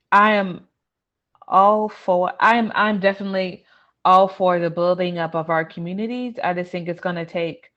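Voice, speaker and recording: A woman's voice: on the low side, a bit bright, muffled recording. An American woman in a casual group discussion, talking in a thoughtful, hesitant way and often correcting herself.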